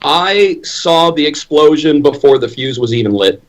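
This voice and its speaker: A man's voice: a little high, lively intonation, normal speed, poor audio. A man who works as a ring announcer, talking conversationally and emphatically as an opinionated interview guest.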